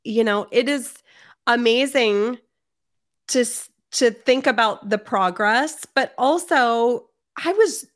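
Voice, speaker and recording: Upbeat host woman with a slightly high voice, affirming and enthusiastic. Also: slow. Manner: enthusiastic, affirming, says amen. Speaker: podcast host. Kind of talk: casual interview chat.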